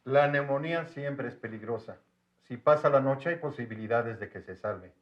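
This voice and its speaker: A man's voice: medium pitch, normal speed, lightly acted. A man playing a grave, matter-of-fact doctor. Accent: Mexican Spanish. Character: sober, serious country doctor. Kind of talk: 1990s telenovela acting. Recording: dull lo-fi TV audio.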